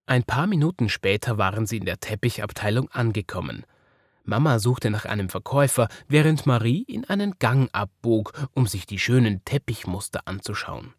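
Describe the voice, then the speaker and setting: Lively Austrian storyteller man. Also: fairly low pitch, moderate pace, no echo, clean studio sound. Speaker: podcast storyteller. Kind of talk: children's story narration.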